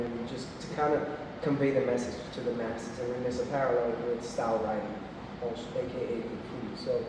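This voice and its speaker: A man in his forties from Puerto Rico, casually explaining his art at a gallery talk. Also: medium pitch. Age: 40s. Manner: relaxed, explanatory, with frequent fillers. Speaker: guest artist. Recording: echoey gallery from far off, noisy.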